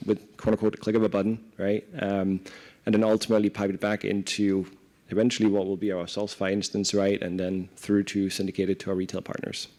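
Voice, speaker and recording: A corporate director from Denmark, speaking with a Danish accent, gives conversational answers as a guest in a panel interview at a live event before an audience. He explains things informally and often checks in with "right?". His lowish, mellow voice is brisk and completely flat in delivery.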